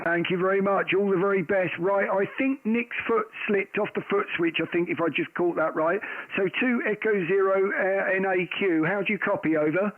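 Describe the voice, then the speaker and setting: A man's voice: sits high, normal speed, hardly any pauses, phone-quality sound, a little hiss or hum. A man hosting amateur radio, chatting in a casual, rambling way and calling out call signs. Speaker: host of a live amateur radio stream. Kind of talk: casual radio chat and call-sign exchanges. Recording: thin band-limited radio-like sound, dry.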